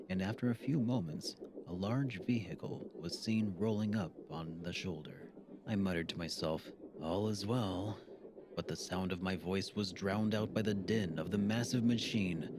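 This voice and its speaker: A man narrating an audiobook with a steady, measured reading. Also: low voice, noisy background. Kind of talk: scripted narration.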